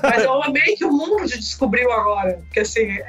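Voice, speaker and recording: A Brazilian woman in her thirties, a political journalist chatting as a podcast guest in a lively, storytelling way. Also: on the high side, fairly quick, distant mic, over music. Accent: Brazilian Portuguese. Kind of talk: casual podcast chat.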